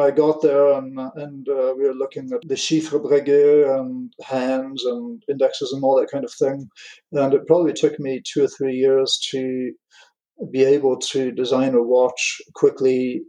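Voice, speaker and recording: An American-born man with an English accent blended with continental European tones, speaking as a guest in an interview in a thoughtful, unhurried way with frequent fillers. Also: medium pitch, darkish tone, low-quality recording. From USA. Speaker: guest watch designer. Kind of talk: relaxed interview chat.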